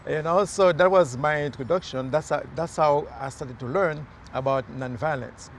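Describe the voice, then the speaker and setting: A man's voice: fairly high pitch, moderate pace, slight background noise. A man from Haiti, a mayoral candidate, talking earnestly in a casual outdoor interview with many fillers and restarts. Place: outdoors in a city near traffic.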